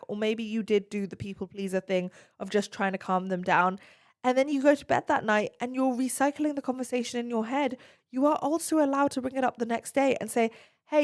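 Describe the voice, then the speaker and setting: A woman hosting an advice podcast, answering listener questions in an earnest, direct and reassuring way. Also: on the high side.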